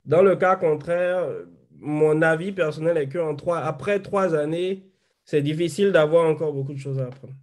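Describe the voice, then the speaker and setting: A man's voice: on the high side, normal speed, a little mellow. A young man on a video call, reflectively explaining his view step by step as a panelist. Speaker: panelist, software engineer. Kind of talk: online panel discussion.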